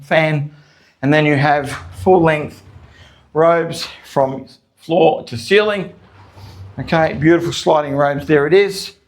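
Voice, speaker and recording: Australian man giving an echoey house tour. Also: fairly high pitch. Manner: salesy, repeats folksy asides to viewers. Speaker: real estate agent presenting a house tour. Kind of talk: informal property walkthrough commentary. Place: empty house interior, walking between rooms. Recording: echo in empty rooms.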